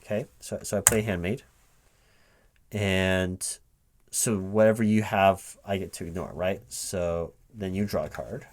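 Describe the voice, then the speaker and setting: Playing a recruiting manager who interviews a gamer, a man speaks in a low, steady tone during a one-sided ASMR roleplay that isn't whispered. He addresses an unheard partner casually and with hesitation, as though working things out aloud.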